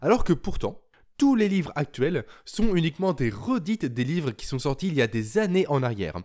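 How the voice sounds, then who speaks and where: A man hosting a solo self-improvement podcast, talking chattily straight to listeners with self-mocking asides. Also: normal speed. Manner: animated pitch swings. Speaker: podcast host.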